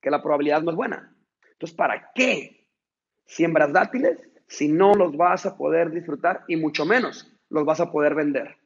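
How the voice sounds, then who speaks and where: A man's voice: fairly high pitch, moderate pace, gravelly, husky, lo-fi sound. A man voicing a wealthy ranch owner who talks down to his worker. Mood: mocking. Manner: condescending, scolding. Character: rich, mocking male ranch owner.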